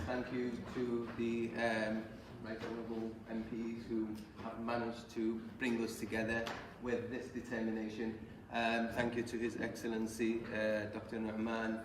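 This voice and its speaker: A man's voice: mid-range voice, monotone, measured pace, hardly any pauses, recorded from a distance. A man, a local councillor, giving an earnest, grateful speech with hesitant fillers. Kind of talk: formal thank-you speech. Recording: echoey room with crowd noise.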